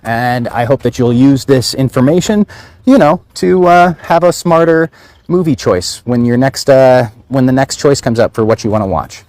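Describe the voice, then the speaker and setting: A man's voice: mid-range voice, expressive, normal speed, darkish tone, no echo. Wry man hosting a movie podcast. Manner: wry, sarcastic delivery with casual fillers. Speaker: podcast host and film reviewer. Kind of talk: scripted movie review monologue.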